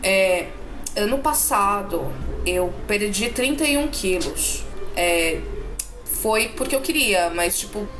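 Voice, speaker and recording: A woman's voice: mid-range voice, animated, takes it slowly. A young woman with a Brazilian accent, a podcast guest in casual chat, candid, swearing and self-mocking. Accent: Brazilian Portuguese. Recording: noisy room.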